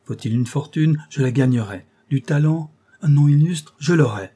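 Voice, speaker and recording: A man's voice: medium pitch, a little slow, dark tone, breathy edge. A man reading as an ardent young lover. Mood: exalted. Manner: impassioned, pleading.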